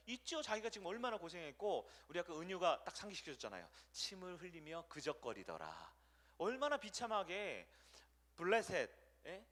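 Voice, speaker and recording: A middle-aged male pastor delivers a sermon in a voice that sits a little high for a man and swings widely up and down. He keeps throwing questions to the congregation and answering them himself, and he slips into short acted-out voices along the way. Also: a bit bright. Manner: acts out short quoted voices.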